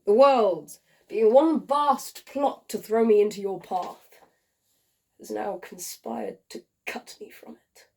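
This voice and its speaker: A woman performing a dying, lovesick male soldier-poet in a hushed, half-whispered, heartfelt farewell monologue. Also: medium pitch, expressive. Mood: grieving, tender. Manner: tender, grieving, slow and heartfelt. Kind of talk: dramatic monologue reading.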